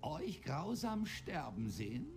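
Wildly swooping mad trickster god. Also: male voice, fairly high pitch, sing-song, slow, creaky, darkish tone, a little hiss or hum, full character voice. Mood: gleeful, mocking. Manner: theatrical, erratic, wildly swooping delivery. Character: whimsical mad trickster god, grey-haired, gleefully cruel. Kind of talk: video game character acting.

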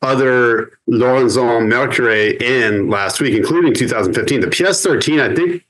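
A man's voice: mid-range voice, normal speed, fairly bright tone, low-quality recording. A man in his forties co-hosting a podcast over a video call, chatty and explaining at length, often laughing mid-sentence. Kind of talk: casual chat.

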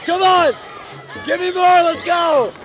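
A coxswain shouting short, clipped commands and counting strokes from a rowing boat during a race. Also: very high-pitched, steady tone, takes it slowly. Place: outdoors on the water in a rowing boat. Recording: noisy outdoor race recording with crowd. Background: crowd and loud outdoor noise.

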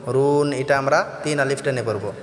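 A man teaching correct Quran recitation, explaining pronunciation rules in a calm lesson voice and then chanting each verse slowly with long drawn-out vowels. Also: mid-range voice. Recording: echoey reverb with faint music.

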